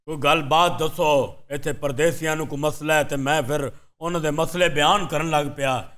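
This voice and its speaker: A man's voice: fairly high pitch, fairly even intonation, normal speed, fairly bright tone, lightly acted. A man playing a long-winded social-worker inmate who drones on. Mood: droning.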